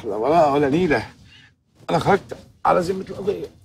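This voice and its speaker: An actor with an Egyptian accent playing a bumbling, flustered lawyer who talks in a rush. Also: male voice, fairly high pitch, expressive, quick pace, gravelly, slight background noise. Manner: flustered, pleading. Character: bumbling fast-talking man, a lawyer just out of custody. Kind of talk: comedy series acting.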